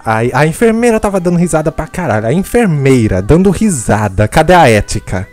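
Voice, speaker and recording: A male streamer tells a story in a fairly high, lively voice, swearing freely and breaking into laughter. Quiet music plays faintly behind him. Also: brisk. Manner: animated, laughing, crude. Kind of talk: comic storytelling.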